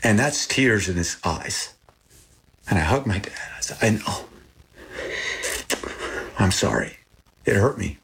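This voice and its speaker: An older man, born in Texas but raised in Thailand with Thai as his first language, speaks earnestly as an interview guest, growing animated as he recalls things. His voice is lowish, gravelly and slightly rough, at a measured pace with frequent pauses, and he often repeats and restarts in this reflective talk.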